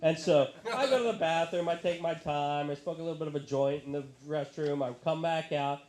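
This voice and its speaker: High-voiced thirtysomething guy doing stand-up at a bar, cussing and ranting, handheld mic. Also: brisk, darkish tone. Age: 30s. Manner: ranting, profane, exasperated. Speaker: stand-up comedian. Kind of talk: live stand-up comedy. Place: comedy bar stage.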